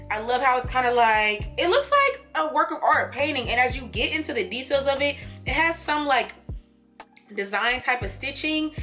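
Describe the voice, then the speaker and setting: Bright, chatty young woman vlogger. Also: high-pitched. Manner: chatty and animated, laughing and doing little quoted voices. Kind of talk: casual try-on haul and storytime.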